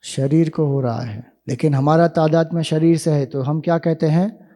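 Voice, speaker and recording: A man giving a spiritual discourse, explaining ideas slowly with rhetorical questions to listeners in a hall. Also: fairly high pitch, fairly even intonation, warm tone. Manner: slow, deliberate, rhetorical questions. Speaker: spiritual teacher. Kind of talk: Vedanta discourse to youth camp.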